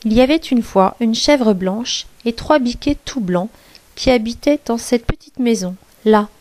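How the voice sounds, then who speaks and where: A woman reading a picture book aloud to young children, slow and expressive. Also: a little high, dry recording. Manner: slow, expressive storytelling with lively voices.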